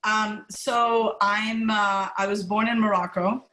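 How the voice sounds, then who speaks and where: A middle-aged gastroenterologist raised in Montreal, Canada, appears as a podcast guest, speaking candidly and laughing along the way. Her mid-range voice is slow and fairly even, with a sharp tone. The echoey room has soft music playing in the background.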